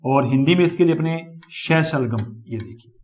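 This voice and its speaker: A man's voice: mid-range voice, expressive, moderate pace, darkish tone. A man giving a step-by-step lecture, repeating each example word as he explains. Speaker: teacher. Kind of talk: classroom lecture on phonetics.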